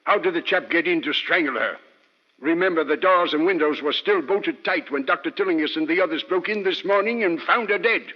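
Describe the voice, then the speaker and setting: An actor playing a sceptical, slow-witted police inspector, blustering and dismissive in an old radio drama. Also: male voice, fairly high pitch, natural voice. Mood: baffled. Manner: blustering, dismissive, easily baffled. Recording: dull old radio recording, long reverb.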